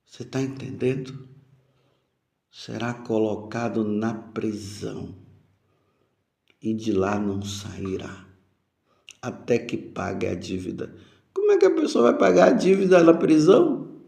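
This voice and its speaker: Brief: priest, homily, gravelly voice, lively pitch, asks the congregation questions. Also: male voice, measured pace, long pauses, reverberant. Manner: preaching with rhetorical questions, addressing listeners directly.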